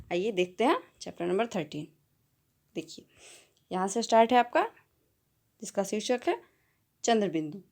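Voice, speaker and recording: Woman teacher going slow for little kids, spelling words out, keeps asking if they got it. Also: mid-range voice. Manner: slow, patient explanation with frequent checks like "है ना?". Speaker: primary school teacher. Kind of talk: recorded Hindi lesson for young children.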